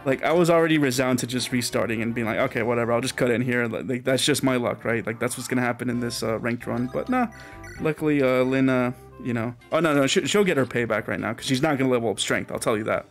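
A man with an ordinary mid-range voice chats his way through a game as the host of a let's play. He rambles, restarts sentences and laughs at his own remarks. Soft game music plays quietly underneath. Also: mid-range voice, quick pace. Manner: rambling, filler-heavy, laughs often. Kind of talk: casual gameplay commentary.

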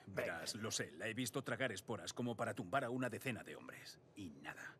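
A man's voice: fairly low pitch, lively intonation, normal speed, a bit bright, a little hiss or hum. A weary hardened male survivor. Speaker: protagonist. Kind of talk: Spanish video game dub.

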